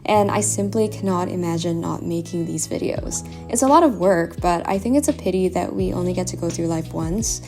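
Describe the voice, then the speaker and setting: A woman's voice: fairly low pitch, fairly quick, vocal fry, hardly any pauses, a little mellow, faint music behind. A young woman narrating her vlog in a casual, candid and reflective way. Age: young adult. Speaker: student vlogger.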